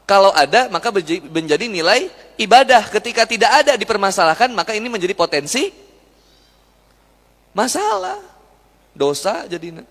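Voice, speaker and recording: High-voiced preacher in an echoing hall. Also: male voice, sing-song, moderate pace, pauses often, fairly bright tone. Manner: chatty, jokey, asks the crowd questions. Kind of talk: lively sermon to a live audience. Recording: long hall reverb.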